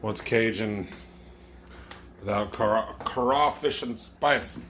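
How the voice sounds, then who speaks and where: Tipsy, slow-talking man with a low voice. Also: fairly bright tone, a little hiss or hum. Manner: tipsy from drinking, loose and chuckling. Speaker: host of a home cooking video. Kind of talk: casual cooking demonstration, talking to viewers. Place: home kitchen.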